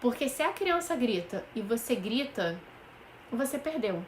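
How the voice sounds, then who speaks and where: A woman's voice: on the high side, sing-song, moderate pace, slight background noise. A woman with a Brazilian Portuguese accent, a child psychologist on a live stream, patiently explaining practical parenting tips and often checking in with her viewers. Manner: addresses viewers directly, often checks in with "right?". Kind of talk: live stream advice talk.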